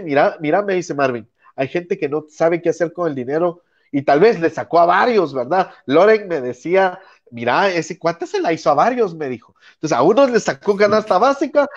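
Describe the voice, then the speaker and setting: A man's voice: high voice, dull audio. A man with a Guatemalan accent hosting a casual talk show, telling stories and acting out the people he quotes. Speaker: podcast host.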